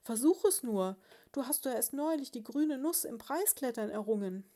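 Brief: a woman voicing a young dormouse bride for a storybook, high squeaky voice, tender and anxious. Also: animated, moderate pace, dark tone. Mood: urging.

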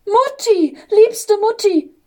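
A woman voicing a small, eager boy angel in a storybook reading, with high, bright calls. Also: steady tone, slow. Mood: joyful.

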